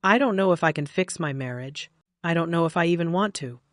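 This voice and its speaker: A woman reading the lines of a remorseful adult sister in a quiet, apologetic voice. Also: lowish voice, expressive, brisk, no echo, clean studio sound, natural voice.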